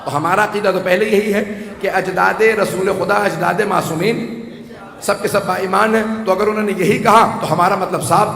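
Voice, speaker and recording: A man preaching a rhetorical sermon to a gathering, rising to shouts and making joking asides. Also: high-pitched, fairly even intonation, gravelly, crowd noise. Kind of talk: Urdu majlis sermon. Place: large hall with audience. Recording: echoey hall, faint ambience.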